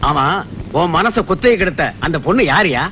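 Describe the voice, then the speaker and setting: A man's voice: high voice, expressive, fairly quick, bright, forceful tone, slight background noise. An actor playing a sly village friend who needles his pal with jokey advice in a film comedy. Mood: teasing. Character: sly, teasing middle-aged village buddy. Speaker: friend of the father. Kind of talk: Tamil film comedy dialogue.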